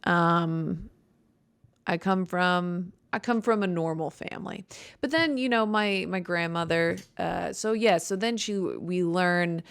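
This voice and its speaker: A young woman from Chicago rambles through her own podcast in a slow, unhurried drawl, her dry voice full of gravelly vocal fry. She sits a little low for a woman and talks bluntly, swearing and joking as she goes. The sound is close and dry, with no room around it. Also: no room sound. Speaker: podcast host. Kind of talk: casual solo podcast chat.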